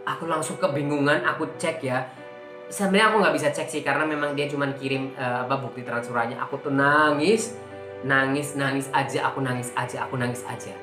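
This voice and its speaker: Guy vlogging a personal story, emotional and animated, echoey room, soft music underneath. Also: medium pitch, brisk. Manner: emotional, animated retelling with acted-out quotes.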